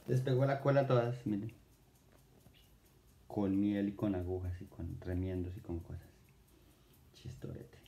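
A man's voice: on the low side, unhurried, long pauses, warm tone. A man reading a children's poem aloud in a playful, exclaiming way, talking straight to young listeners. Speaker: children's storyteller. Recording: roomy echo.

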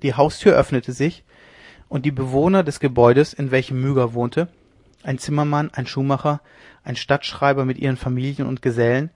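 A man narrating a classic novella as an audiobook in a measured, steady storytelling manner. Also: medium pitch, no echo.

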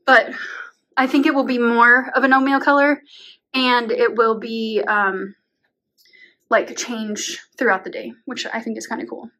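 A woman's voice: on the high side, little pitch movement, unhurried, pushed and bright. A young woman vlogging casually at home while painting her room, chatty and rambling, tired and at times out of breath. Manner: chatty, rambling, uses "like" often, laughs between words. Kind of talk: casual vlog talk to camera. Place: home bedroom being painted.

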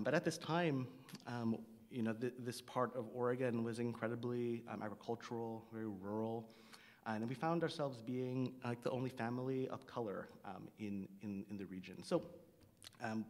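Halting man lecturing from a podium. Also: lowish voice. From Singapore. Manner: hesitant, many ums and restarts. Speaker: visiting artist lecturer. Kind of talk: public lecture. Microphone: podium microphone. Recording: long hall reverb.

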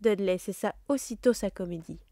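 Woman reading a story out loud, even and expressive, dry close mic. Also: medium pitch, moderate pace, no room sound. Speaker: audiobook reader. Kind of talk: read-aloud storytelling.

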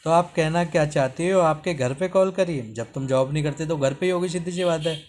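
Man, slightly higher register, vlog storyteller; reads messages aloud with a doubting, indignant edge. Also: fairly quick, darkish tone. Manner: recounts a chat, reading messages aloud, skeptical and indignant. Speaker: YouTuber.

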